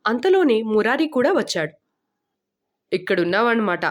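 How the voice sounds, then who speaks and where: Woman audiobook narrator, mid-high voice, steady, even telling. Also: normal speed.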